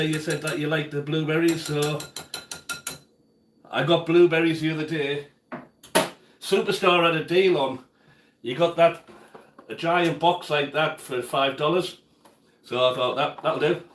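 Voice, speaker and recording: A chatty man hosts a relaxed cooking stream, talking to his viewers by name while he works at the stove. His voice sits a little high for a man, and the home kitchen gives it a roomy, echoey sound. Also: a little hiss or hum. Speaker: cooking livestream host. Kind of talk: casual live-stream chat while cooking.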